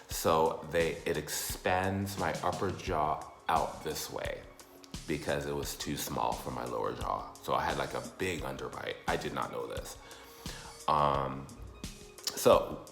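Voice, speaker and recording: A man giving a casual, rambling personal update in halting explanations with repeated words. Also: rumbling low, fairly bright tone, reverberant. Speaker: vlogger.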